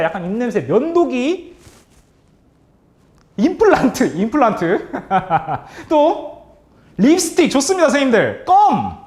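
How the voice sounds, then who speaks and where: A man leading a workshop for teachers as a trainer, upbeat and animated, calling on the audience, praising their answers and chuckling often. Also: very high-pitched. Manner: chuckles often between remarks. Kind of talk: online workshop quiz for teachers.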